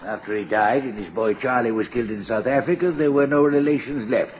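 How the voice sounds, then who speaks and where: An actor playing a gruff, older retired sea captain, hospitable but evasive, in an old radio drama. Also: male voice, mid-range voice, brisk, natural voice. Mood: hearty, hospitable. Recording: muffled, noisy old radio recording.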